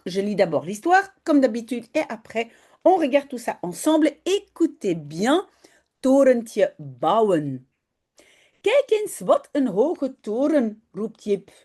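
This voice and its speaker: Reading a storybook to children, this Dutch teacher goes slowly and with a very lively, animated pitch, changing voices for each character. When she stops to explain, her talk turns fast and chatty.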